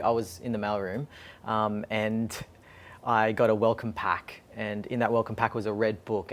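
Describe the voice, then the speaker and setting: Upbeat Australian man vlogging. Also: fairly low pitch. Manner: friendly, upbeat, chuckles often. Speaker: design speaker and vlogger. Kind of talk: casual vlog chat and motivational school talk.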